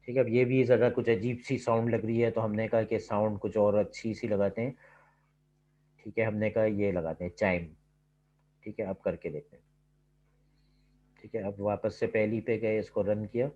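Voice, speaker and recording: On a video call, a man with a warm voice on the low side teaches a computer lab at a moderate pace, pausing often and keeping his intonation fairly even. He goes step by step and asks "ठीक है" at every turn. His computer mic sounds slightly dull, with some background noise.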